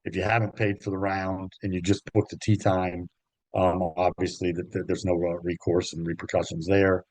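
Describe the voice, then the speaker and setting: A man who works as a golf travel agent, talking in a relaxed, halting way with many ums as an interview guest. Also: deep voice, no echo. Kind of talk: interview conversation. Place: Myrtle Beach area.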